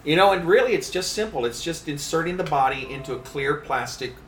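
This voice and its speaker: A man, a fishing magazine editor, explaining lures in a casual live chat at a trade show, often pausing with "um". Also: on the high side, animated. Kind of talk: casual live-streamed conversation. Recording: echoey, distant mic, faint ambient noise.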